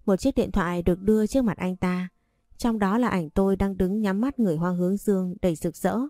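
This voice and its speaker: A woman narrating a romance story in the first person, reading in an even, unhurried way. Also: mid-range voice, dry recording.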